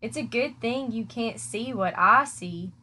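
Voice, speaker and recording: A woman's voice: fairly high pitch, a little slow, sharp tone, slight background noise. A woman voicing a wise, polite female spider in a storybook reading, composed and dry.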